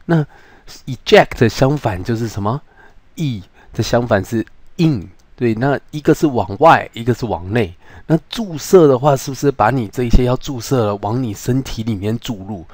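A man with a Taiwanese Mandarin accent teaching English word roots, asking rhetorical questions and slowing down on English words. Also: medium pitch, expressive, darkish tone, no room sound. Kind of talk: vocabulary lesson.

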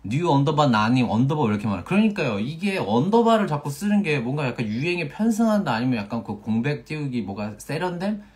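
A man's voice: on the high side, sing-song, fast talker, few pauses, darkish tone. A young man in his twenties casually chatting on a phone livestream, playfully reading out viewer usernames and joking when he stumbles over them. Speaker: actor hosting a fan livestream.

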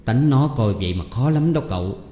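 A man voicing an older village teacher who gives measured, stern counsel, read as an audiobook character. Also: mid-range voice, animated, mellow, slight background noise, lightly acted. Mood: weary. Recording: echoey room with long reverb.

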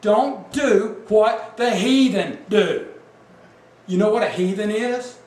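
A man's voice: high-pitched, takes it slowly, a little mellow. A man preaching a sermon, emphatic and asking his congregation questions. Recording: echoey room, mic at a distance, faint background noise.

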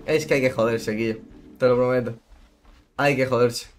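A man's voice: medium pitch, steady tone, normal speed. A young man streaming a game, swearing and ranting at opponents between sarcastic mutters. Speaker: gaming streamer. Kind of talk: live gameplay commentary.

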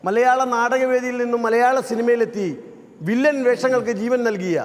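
A man compering a comedy stage show, announcing each act in a brisk way. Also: very high voice, fairly even intonation. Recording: echoey stage hall.

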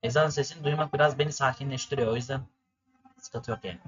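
A man's voice: mid-range voice, fairly even intonation, quick pace, lo-fi sound. A young man from Turkey commentating his racing game for viewers, ranting and cursing at it in frustration. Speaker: gaming streamer. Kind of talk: gameplay commentary.

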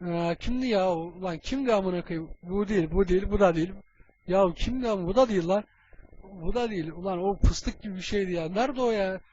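A high-voiced, bossy cartoon hero played by a man in a comedy parody dub. He is scatterbrained and crude, swinging between slangy muttering and blurted orders. The audio is dull and lo-fi. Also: fairly quick, a little mellow. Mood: puzzled, muttering.

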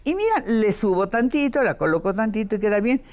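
An older woman with a Mexican Spanish accent, a veteran voice actress chatting in an interview, telling lively stories and mimicking voices. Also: medium pitch, a little fast. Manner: lively storytelling with playful voice imitations. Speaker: voice actress and dubbing director. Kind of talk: casual interview chat.

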